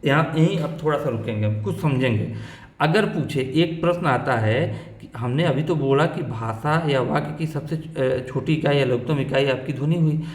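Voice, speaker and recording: A man's voice: medium pitch, moderate pace, echoey room. A man teaching a grammar lesson for exam prep who keeps asking his own questions and answering them.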